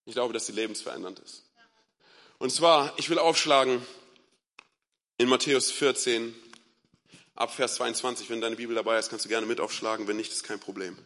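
A man preaching a lively, playful sermon to a young church crowd, dropping in bits of English slang. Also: medium pitch, normal speed, pauses often, in a large hall.

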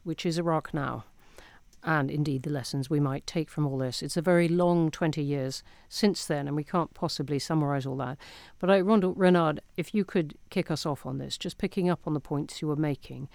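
A man hosting a panel discussion, courteously putting questions to his guests. His voice sits a little high and has a gravelly edge, and it is recorded close and dry. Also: brisk, a little mellow, no echo. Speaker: podcast host and moderator. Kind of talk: moderating a panel.

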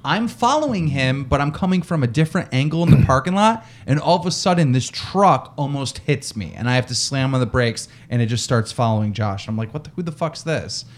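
A man's voice: medium pitch, fairly quick, hardly any pauses. A young man hosting a podcast. He prompts and recaps the story in blunt, profane, casual talk. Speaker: podcast host. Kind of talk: casual chat.

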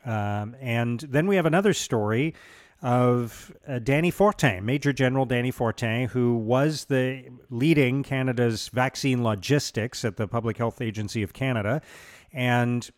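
Male radio host, middle-pitched, measured studio delivery, some filler words, dry sound. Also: no room sound. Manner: measured, with frequent ums and uhs. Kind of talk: morning radio interview.

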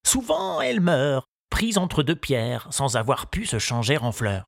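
A man voicing a kindly, wise old male gardener in an audiobook, musing slowly and confidingly. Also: medium pitch, big pitch swings, gravelly, no echo, studio quality, voice pushed up, exaggerated voice. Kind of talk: audiobook character reading.

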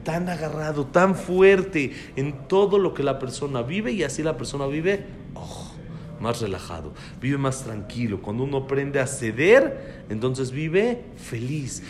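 A man teaching a religious class, animated and repeating phrases for emphasis as he tells personal anecdotes. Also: mid-range voice, measured pace, slight background noise.

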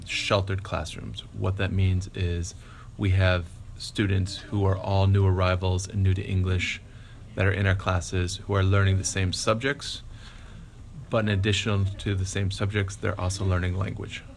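Male teacher, very deep voice, monotone, gravelly, interview. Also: normal speed, a little hiss or hum. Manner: plain explaining, with fillers. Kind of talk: interview answer.

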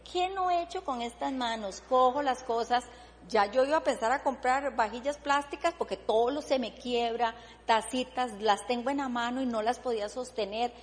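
Earnest high-voiced woman in an echoing hall. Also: slight background noise. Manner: earnest, emotional, often tags "¿verdad?". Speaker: church member giving testimony. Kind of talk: personal faith testimony.

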